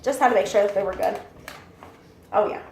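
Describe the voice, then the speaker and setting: A young woman with vocal fry and a medium-pitched voice speaks a little fast, congested by bronchitis, as she hosts a cooking show from her small home kitchen. She chats and rambles while cooking a recipe, recorded by a camera mic a few feet away in an echoey space with background noise.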